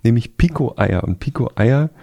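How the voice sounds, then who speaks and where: A man's voice: mid-range voice, lively intonation, normal speed, vocal fry, warm tone, muffled recording. A man hosting a podcast, talking casually and recommending things with emphatic enthusiasm. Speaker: podcast host. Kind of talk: casual conversation.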